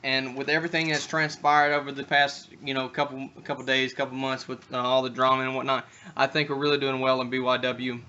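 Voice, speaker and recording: A young man hosting a backyard wrestling talk show in character, trash-talking and breaking into loud rants. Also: mid-range voice, little pitch movement, a little fast, muffled recording, a little hiss or hum.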